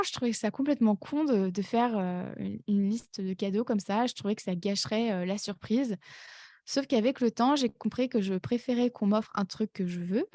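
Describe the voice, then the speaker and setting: A woman podcast host and life coach talking casually about her own life, full of fillers and quick self-corrections. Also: a little high, a little mellow, no room sound, clean studio sound. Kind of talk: casual personal podcast monologue.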